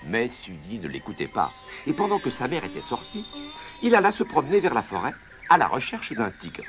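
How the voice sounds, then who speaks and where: Male storyteller, bright and very animated, slow read-aloud with faint music beneath. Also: mid-range voice. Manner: very lively, slow, animated reading. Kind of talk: expressive storybook narration. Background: soft music.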